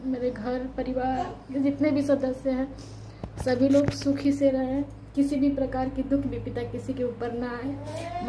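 Mom vlogger in her 30s, kinda high voice, teary prayer talk, noisy phone recording. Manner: tearful prayerful speech, shouting at children. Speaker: vlogger and mother. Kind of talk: casual devotional family vlog.

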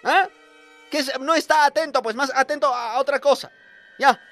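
A man's voice: very high-pitched, moderate pace, music in the background. A man playing a strict, pompous male schoolteacher who scolds students and repeats himself. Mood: stern.

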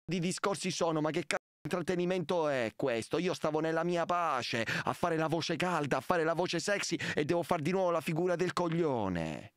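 A man's voice: fairly high pitch, lively intonation, moderate pace, few pauses, smooth, no room sound, studio quality. A man live streaming late at night, ranting in exasperation and swearing at a prank.

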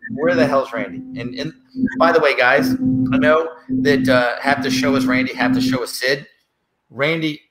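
A man's voice: mid-range voice, fairly bright tone, low-quality recording. A man hosting a casual show, teasing his guests and repeating himself as he goes. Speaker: host. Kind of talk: casual chat.

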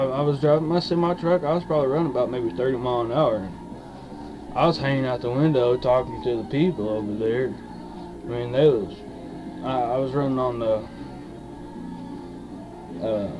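The speaker is a young man reviewing dip, talking to camera in a casual ramble with a lip full of it, his medium-pitched voice drawling and hesitant in a folksy way. Audio is poor, taken from a webcam mic at arm's length in a small wood-panelled room with country music behind him.

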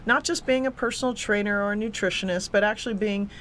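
A woman's voice: mid-range voice, fast talker. A young woman speaks earnestly as an interview guest, often doubling words when she gets going. She sits at a desk microphone in a small studio, with a faint hiss under her voice. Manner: earnest, eager, repeats words when excited. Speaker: fitness coach and guest. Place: small studio set with a city backdrop. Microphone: desk microphone on a stand.

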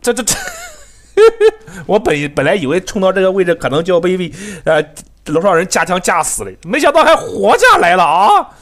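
Excitable man, lively pitch. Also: moderate pace. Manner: excitable, swears often, laughs, talks to teammates. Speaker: game streamer. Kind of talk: live gameplay commentary.

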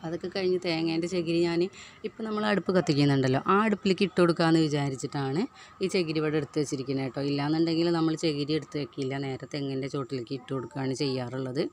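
A woman's voice: deep voice, fairly even intonation, rapid-fire, a little mellow, a little hiss or hum. A housewife from Kerala chattily narrating her daily chores over a home vlog, tagging her sentences with "you know?"; she is recovering from a tooth extraction. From Kerala, India. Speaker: housewife vlogger.

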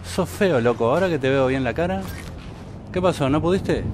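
A man's voice: a little high, moderate pace, background noise. Rowdy Rioplatense gamer man, mocking. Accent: Rioplatense Spanish. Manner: excitable, mocking, swears a lot. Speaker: gameplay commentator. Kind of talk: casual let's-play commentary. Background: game music and gunfire.

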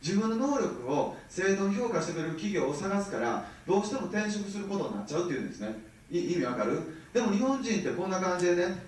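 A man in his thirties with a Kansai accent, giving an animated seminar talk and often checking that the audience follows. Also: a little high. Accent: Kansai Japanese. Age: 30s. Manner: animated, keeps checking the audience with rhetorical questions. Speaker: business seminar speaker. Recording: very echoey, mic far from speaker.

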